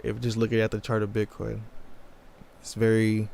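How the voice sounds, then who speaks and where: A man's voice: lowish voice, completely flat delivery, moderate pace, vocal fry, darkish tone, slight background noise. Laid-back man chatting on a livestream. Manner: laid-back, slangy, answers chat questions. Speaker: crypto livestream host. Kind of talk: casual livestream chat.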